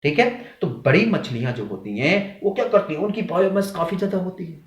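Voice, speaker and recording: A man teaching a lecture, who asks his students questions and answers them himself, with sharp rises and drops in pitch to stress his points. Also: animated, a little fast. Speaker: zoology teacher. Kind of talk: classroom lecture. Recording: echoey room.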